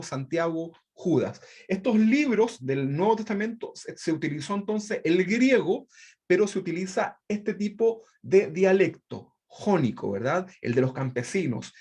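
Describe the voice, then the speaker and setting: A man's voice: high voice, husky. A man teaching a Bible study class, explaining step by step, often checking in with "right?" and restarting words. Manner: explanatory, repeats "¿verdad?" often, frequent restarts; refers to projected slides.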